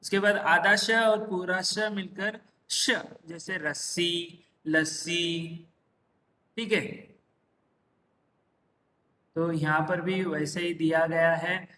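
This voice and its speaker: A man teacher slowly explaining a lesson, patiently repeating examples one word at a time. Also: high voice, steady tone, pushed and bright. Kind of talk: slow classroom explanation. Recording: echoey room.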